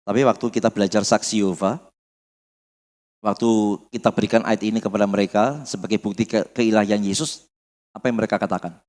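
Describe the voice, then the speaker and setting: A man preaching a teaching sermon, firing rhetorical questions and dropping from loud to almost muttered. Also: on the low side, steady tone, brisk. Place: church hall. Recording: long hall reverb.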